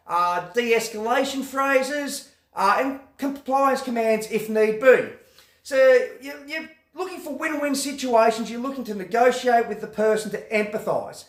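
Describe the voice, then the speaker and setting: A man's voice: extremely high pitch, roomy sound. A man, a security instructor, explaining self-defence steps in a casual, conversational way, full of fillers and acted example phrases. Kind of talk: explanatory talk to camera.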